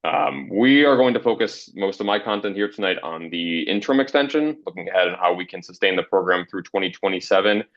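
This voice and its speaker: A man giving a formal presentation to a board over a video call through earbuds, speaking in a measured, careful way while his audio keeps cutting out. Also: deep voice, lively intonation, fairly bright tone. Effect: audio cutting out in dropouts. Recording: dull, muffled call audio.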